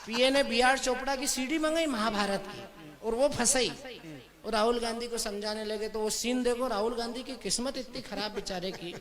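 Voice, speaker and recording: A man's voice: extremely high pitch, normal speed, crowd noise. A man from Madhya Pradesh, performing as a comic poet, who teases the audience between verses. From Madhya Pradesh, India. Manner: teasing banter with the audience. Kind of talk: stage comic poetry recital. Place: live stage before an audience. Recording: live stage with loud audience.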